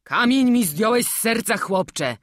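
A woman's voice: a little high, animated, measured pace, no room sound, studio quality, pitched above the performer's own voice. A woman voicing an anxious older male master woodcarver in an audiobook, fretful and scolding. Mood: worried. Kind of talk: audiobook character reading.

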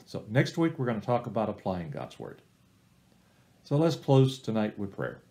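A middle-aged man leading a recorded church small-group Bible study, giving plain, step-by-step advice in an unhurried teaching manner. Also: lowish voice, huge pitch swings, creaky, mellow.

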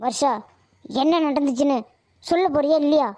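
Woman voicing a cartoon mother, high voice, nagging, impatient, dry close sound. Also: warm tone, dry recording, close to an everyday voice. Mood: scolding. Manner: nagging, rapid questions. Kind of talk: cartoon voice acting.

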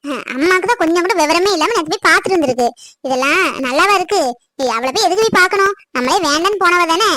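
A girl playing a shrill jealous younger daughter. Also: expressive, bright, forceful tone, no room sound, heavily acted. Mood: taunting. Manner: taunting, quick and shrill. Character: sharp-tongued teenage younger daughter, jealous. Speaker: younger daughter going to tuition. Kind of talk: family drama skit.

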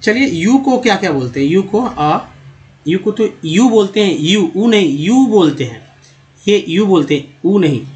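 A man with a Hindi accent teaching English pronunciation in a video lesson, repeating words slowly and calling the viewers friends. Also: high-pitched, expressive, a little mellow.

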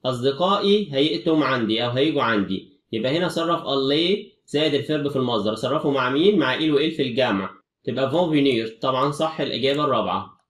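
A man's voice: medium pitch, lively intonation, racing, echoey room, recorded from a distance. A man with an Egyptian Arabic accent teaching a French exam review, explaining each answer step by step.

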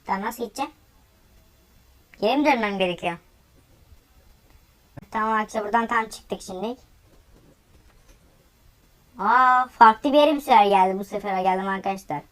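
A woman giving excitable gameplay commentary, often exclaiming and laughing as she plays. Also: medium pitch, moderate pace, long pauses. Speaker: gaming YouTuber.

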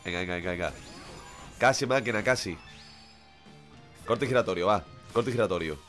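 A man's voice: on the low side, moderate pace, soft background music. A man with a cold, streaming a football game live and swearing at the play. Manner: excitable, swears constantly, shouts at the game. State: sick with a runny nose. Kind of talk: live gaming stream commentary.

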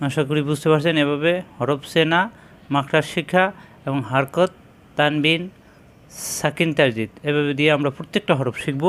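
A man with a somewhat high voice teaches Arabic letter sounds. He speaks slowly and deliberately, in a lesson style. He drills each syllable and says it again and again. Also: steady tone, fairly bright tone. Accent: Bangladeshi Bengali. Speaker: Quran reading teacher.

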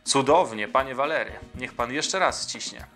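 A man's voice: medium pitch, moderate pace, fairly bright tone, faint music behind, natural voice. A man reading aloud the lines of a caring, bossy middle-aged woman healer, urgent and commanding.

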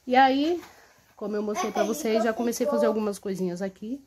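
Chatty young Brazilian mom on phone. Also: female voice, on the high side, a little fast, a crowd in the background. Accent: Brazilian Portuguese. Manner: chatty, with many tag questions like "tá?" and "entendeu?". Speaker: vlogger and mother. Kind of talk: casual home vlog. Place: small home, indoors. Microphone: phone held at arm's length.

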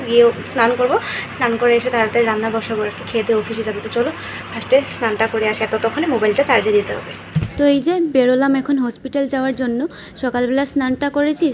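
Young Bengali woman vlogger, high and even-toned, talking through a day while feeling sick; faint noise behind. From West Bengal, India. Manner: chatty, plain-spoken, many fillers. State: unwell with stomach pain. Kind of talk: casual vlog narration. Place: at home and out and about.

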